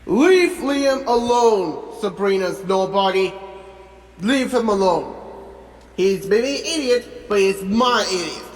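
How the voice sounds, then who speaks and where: A man acts out a fiercely loyal friend who sticks up for his pal, bossy and insistent. The voice sits high and the words come out slow and deliberate. It rings in an echoey room. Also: expressive, noisy background. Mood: protective. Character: protective loyal male friend, blunt and bossy.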